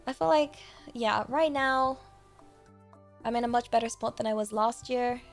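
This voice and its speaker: A woman's voice: on the high side, normal speed. A British woman hosting a casual livestream, chatting in a cute anime-streamer manner with playful thank-yous to viewers. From Britain. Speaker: VTuber livestream host. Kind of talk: casual livestream chat, reading out and thanking supporters. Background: music.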